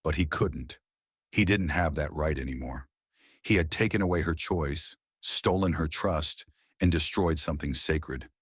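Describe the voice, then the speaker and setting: A man narrating a romance story in a measured, dramatic storytelling manner. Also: extremely low pitch, slightly rough, no echo, clean studio sound.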